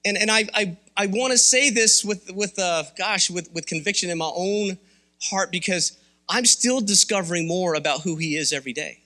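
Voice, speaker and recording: High-voiced, bright-toned man preaching. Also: moderate pace. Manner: conversational, candid, rousing. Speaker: pastor. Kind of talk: sermon. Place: church sanctuary.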